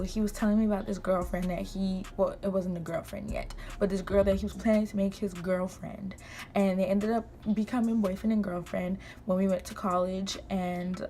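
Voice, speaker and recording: A young adult woman with an American accent chats through a gossipy storytime. Her delivery is informal and conversational, slipping into quoted dialogue as she goes. She speaks at a medium pitch, with noticeable room noise behind her. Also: a little mellow. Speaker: vlogger. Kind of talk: casual gossipy storytime chat. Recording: clear background room noise.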